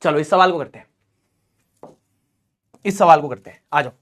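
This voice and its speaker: A male chemistry teacher lecturing in Hindi with lively, teasing energy. He jokes about English spellings and keeps his students hooked. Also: a little high, normal speed. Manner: animated, joking, mocking spellings.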